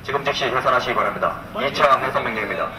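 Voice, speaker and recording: A man, a police officer, reads formal, flat dispersal orders over a loudspeaker at an outdoor street protest. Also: mid-range voice, fast, crowd noise. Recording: distant echoing loudspeaker over loud street noise.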